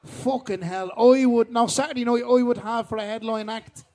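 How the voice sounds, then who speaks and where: A man's voice: extremely high pitch, moderate pace, crowd noise. A middle-aged man with a Dublin Irish accent, bantering bluntly and swearing freely at a live podcast. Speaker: speaker on stage at a live podcast. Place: live podcast show at a festival.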